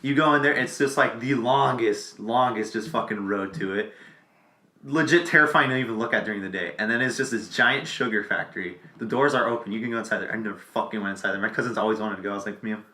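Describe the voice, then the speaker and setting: A man's voice: on the low side, fast, pushed and bright, reverberant. A man in his twenties hosting a casual podcast, telling stories with lots of swearing and laughter. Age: 20s. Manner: crude, laughing storyteller. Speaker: podcast host. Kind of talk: casual chat.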